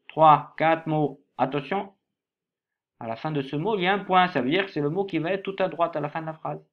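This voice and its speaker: A man teaching a workbook lesson to young pupils, slowly spelling words letter by letter and stressing each syllable. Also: on the high side, highs cut off.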